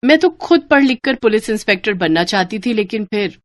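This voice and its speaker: Woman playing a sweet young bride in a cartoon story, gentle and reassuring, mid-pitched everyday voice. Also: lively intonation, brisk, no room sound, close to an everyday voice. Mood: caring. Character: kind, caring young newlywed woman. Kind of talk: animated storybook voice acting.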